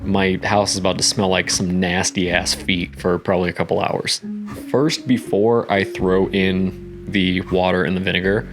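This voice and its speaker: Laid-back, low-voiced man rambling through cooking. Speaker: host of a cooking vlog. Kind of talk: casual chat while cooking, narrating each step. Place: home kitchen.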